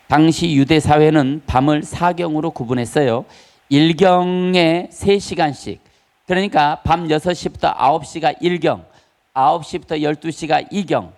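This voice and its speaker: A man pastor preaching a Sunday sermon, asking the congregation questions and rising high on key words for emphasis. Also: darkish tone. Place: church sanctuary.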